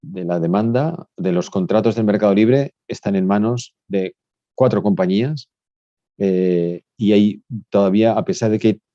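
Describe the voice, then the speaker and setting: A low-voiced man talks as a university energy expert in a panel debate. His voice is mellow and his delivery measured, with pauses and fillers. The sound is dry, dull and lo-fi, like call audio. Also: dry recording.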